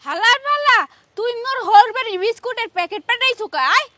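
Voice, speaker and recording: A squeaky bickering village wife, fast and piercing. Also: female voice, lively intonation, bright, forceful tone, dry recording, full character voice. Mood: scolding. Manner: pleading then scolding, shrill sped-up voice. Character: sly quarrelsome village wife.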